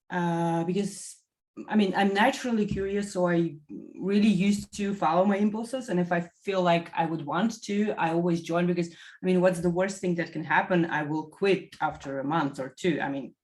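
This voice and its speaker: A woman in her thirties from Latvia, giving a reflective testimonial interview and pausing often to find her words. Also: fairly low pitch, a little mellow. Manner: thoughtful, many fillers and self-corrections. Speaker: interview guest, executive assistant.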